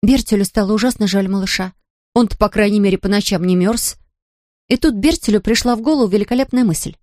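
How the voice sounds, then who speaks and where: A woman reading a children's story aloud at a middle pitch. Her telling is gentle and steady. The recording is dry and close. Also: quick pace, dry recording. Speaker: narrator.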